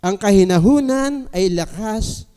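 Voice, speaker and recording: Pastor preaching, high but mellow voice, keeps asking the crowd stuff, big churchy reverb. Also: male voice, lively intonation, a little slow, a little hiss or hum. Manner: asks the congregation questions, polite and engaging. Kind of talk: sermon. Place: church sanctuary. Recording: long church hall reverb.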